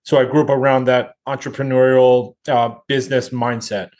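A man in his thirties, a restaurant co-founder, telling his founding story in a relaxed way. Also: mid-range voice, normal speed. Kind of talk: interview guest.

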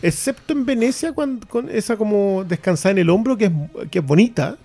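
Copresentador chileno, conversación casual sobre películas, voz algo aguda. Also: male voice, high voice, darkish tone, faint music behind. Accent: Chilean Spanish. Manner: talks fast, repeats words, restarts often. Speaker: podcast co-host. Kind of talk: casual film review chat.

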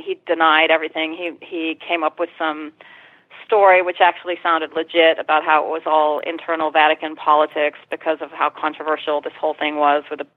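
A woman's voice: sits low, no room sound. Woman telling a story over a tinny line. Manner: vivid retelling, swears freely. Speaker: interview guest. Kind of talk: personal storytelling in conversation. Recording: tinny phone-line sound.

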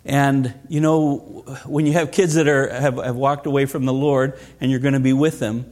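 A man's voice: medium pitch, fairly even intonation, moderate pace, darkish tone. A middle-aged man preaching a sermon as pastor, earnest and asking rhetorical questions.

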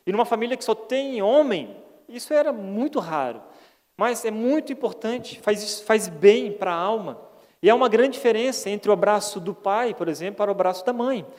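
A man's voice: high-pitched, lively intonation, moderate pace, darkish tone. A man with a Brazilian Portuguese accent preaching a sermon in an earnest, folksy way, often asking for agreement. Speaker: pastor. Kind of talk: conversational sermon. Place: church hall. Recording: long church hall reverb.

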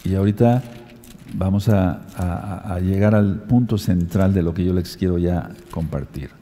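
A man preaching a sermon, dictating letters and verse numbers slowly and urging listeners to underline passages. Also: low-pitched, dark tone, long reverb tail.

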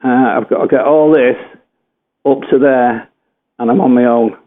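A man's voice: mid-range voice, steady tone, normal speed. An older English man, a former footballer, telling a rambling anecdote full of fillers and self-corrections. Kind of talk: anecdotal storytelling. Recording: tinny phone-like radio line.

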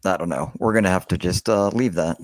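Joking New co-host, low and dry, pitch swinging widely. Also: male voice, fairly quick, no room sound. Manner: joking, wry asides. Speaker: podcast co-host. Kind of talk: casual podcast chat.

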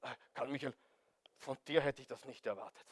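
Brief: God as a shocked, let-down father, a man doing it, quiet and teasing. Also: on the high side, unhurried, no echo, studio quality. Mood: mock surprise. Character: God, a surprised disappointed fatherly male voice.

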